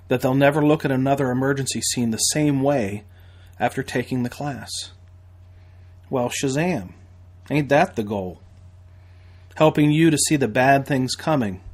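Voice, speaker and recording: Speaking at a medium pitch, this American man hosts a podcast and plays a training instructor in a promotional monologue. His delivery is emphatic and homespun, leaning on repeated phrases and rhetorical questions.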